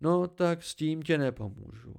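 A man's voice: on the high side, animated, vocal fry, darkish tone. A reluctant, sighing tinker man, voiced by a male reader, grudging over every word. Told plainly as a homemade storybook reading.

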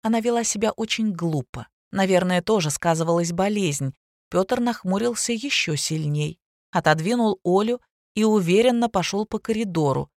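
Woman narrator, calm audiobook read, dead dry sound. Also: medium pitch, moderate pace, dry recording.

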